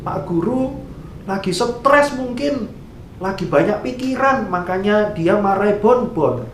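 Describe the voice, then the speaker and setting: A man voicing a whiny, sleepy young boy who wails in high calls. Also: expressive, measured pace, distant mic, slight background noise. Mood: sulky. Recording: echoey room.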